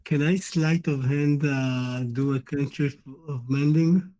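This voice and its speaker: A man's voice: fairly high pitch, steady tone, slow pace, mellow. A man player at a tabletop game, hesitant with stumbling restarts. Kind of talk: casual chat at a game table.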